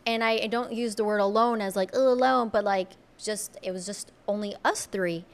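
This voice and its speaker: A woman from Colombia whose first language is Spanish, her voice sitting at an ordinary middle pitch. She talks reflectively and earnestly as a podcast guest. She often pauses and restarts her sentences as she searches for words. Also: fairly even intonation, clean tone. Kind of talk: casual conversational interview.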